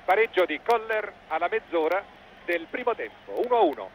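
A man's voice: sits high, sing-song, a little fast, a little hiss or hum, poor audio. An Italian man giving live football match commentary in clipped phrases, rising with the play, on an old television broadcast.

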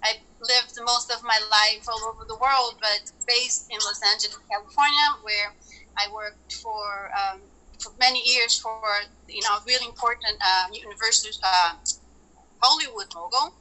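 A woman in her thirties from Brazil, presenting her company on a video call in a loose, halting way with many fillers. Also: fairly high pitch, sharp tone, poor audio. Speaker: company founder presenting to members. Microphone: laptop mic on a video call.

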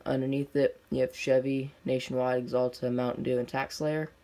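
In a warm, mid-range voice with flat delivery and normal speed, a young diecast collector reviews on camera. He gives casual unboxing commentary in plain, unscripted, clipped phrases from an indoor tabletop display, recorded at home with noise and clicks.

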